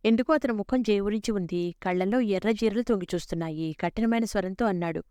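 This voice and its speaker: A woman narrating a serialized story in a steady, even storytelling manner. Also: mid-range voice, fast talker, clear, resonant tone, dry recording, clean studio sound.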